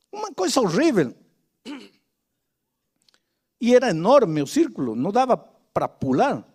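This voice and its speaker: An older male preacher giving a sermon, moving from loud, impassioned exhortation to quiet, hushed storytelling. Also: high-pitched, breathy edge.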